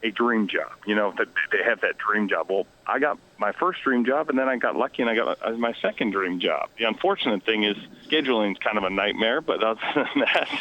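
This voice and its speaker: A man speaking as a guest on a radio interview, talking quietly and self-deprecatingly from outdoors by a lake. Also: fairly low pitch, expressive, a little fast, hardly any pauses, highs cut off. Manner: hushed, quieter than usual. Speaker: guest, fishing show host. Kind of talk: casual radio interview chat.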